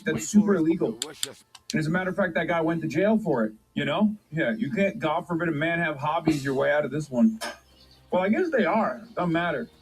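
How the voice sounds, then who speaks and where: A man's voice: on the high side, low-quality recording. A man streaming and reacting to news clips, talking sarcastically and in disbelief, often rambling.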